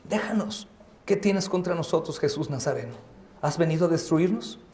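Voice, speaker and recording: A man voicing an unclean male demon, low and hushed, hostile and fearful. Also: lively intonation, normal speed, slight background noise, lightly acted. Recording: echoey church hall.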